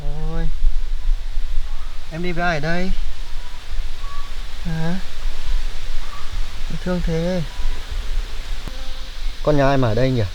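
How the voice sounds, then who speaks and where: Guy, kinda high voice, soft cooing hushing talk, faint outdoor hiss, out in the forest. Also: slow pace, long pauses. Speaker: vlogger. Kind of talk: casual self-filmed vlog.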